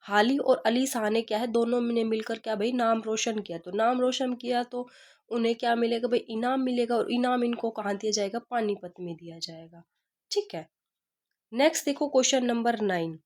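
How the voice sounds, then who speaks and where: A woman runs an exam-prep class in a slightly high voice at normal speed, steady and patient and relying on memory tricks. She asks a question, answers it herself and drills it repeatedly, often with a rhetorical "kya hai?".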